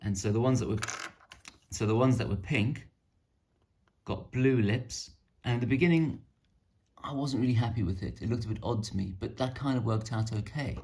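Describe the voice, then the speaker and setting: A man's voice: mid-range voice, normal speed, a little mellow, a little hiss or hum. A man casually showing off his painted miniatures, rambling and self-deprecating. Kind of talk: casual hobby show-and-tell.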